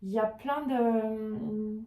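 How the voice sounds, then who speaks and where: Mellow-voiced woman giving an intuitive card reading. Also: fairly high pitch, steady tone, extremely slow. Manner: hesitant, searching for words with many fillers. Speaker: tarot and oracle card reader. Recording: roomy echo, voice a little far from the mic.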